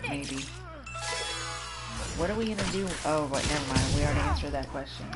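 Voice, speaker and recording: A woman's voice: low-pitched, sing-song, a little fast, over loud music. A young woman chatting casually and teasing her partner as he plays a game. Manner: teasing, playful. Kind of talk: casual chat while watching a game.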